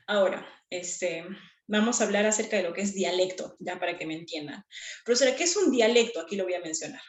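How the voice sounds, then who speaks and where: A woman, teaching a language class in an animated way and checking often that her students follow. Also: lowish voice, fairly quick. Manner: animated, with frequent checking questions. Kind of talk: classroom lecture. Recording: echoey room.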